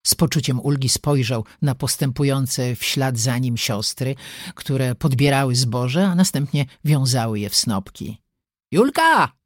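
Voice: medium pitch, no room sound. Dramatic audiobook narrator, voice swings up and down a lot, dry close recording. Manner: expressive, dramatic storytelling. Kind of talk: scripted narration.

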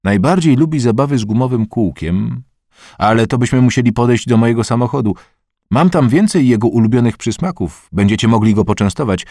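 A man voicing a friendly, smooth-talking adult male stranger who coaxes in an easy tone, in an audiobook reading. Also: mid-range voice, lively intonation, brisk, darkish tone, dry recording, studio quality, pitched above the performer's own voice. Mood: coaxing. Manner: coaxing, easygoing.

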